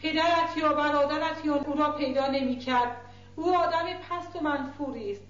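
A stern older woman guardian with a harsh edge, scolding and commanding, voiced by a woman reading aloud. The voice sits high for a woman. The recording is roomy and a little dull. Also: fairly even intonation, natural voice.

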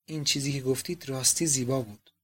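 A man's voice: medium pitch, fairly even intonation, fairly bright tone, slightly rough. A man voicing a tender young daughter.

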